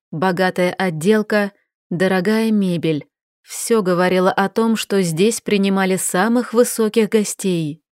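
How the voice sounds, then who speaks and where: A woman narrating a fantasy romance audiobook in first person, with an expressive, dramatic reading. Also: mid-range voice, no echo, clean studio sound.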